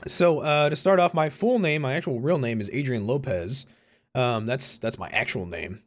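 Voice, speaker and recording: A YouTuber and university student in his early twenties, from Concord, California, talks to viewers in a Californian American accent with a mid-range voice at normal speed. His personal vlog chat is casual, informal and rambling, full of self-corrections and plenty of "you know" and "like".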